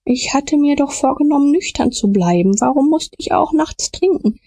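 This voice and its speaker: A woman's voice: high-pitched, expressive, normal speed, dark tone, no echo, voice pushed up. A woman voicing a frightened drunken male vagabond who begs in a shaking voice. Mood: pleading. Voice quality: trembling.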